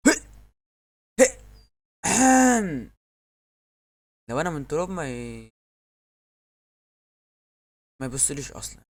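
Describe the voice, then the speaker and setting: Fast, excitable Egyptian gamer man. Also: on the high side, creaky. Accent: Egyptian Arabic. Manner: excitable, shouts at the game and referee. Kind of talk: live gameplay commentary.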